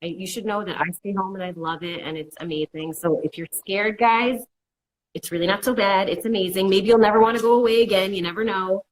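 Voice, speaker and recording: A woman's voice: medium pitch, steady tone, brisk, poor audio. A woman counselor giving casual, reassuring advice and acting out worried inner voices in quotes. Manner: reassuring, repeats "it's okay". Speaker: mental health counselor. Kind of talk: conversational advice.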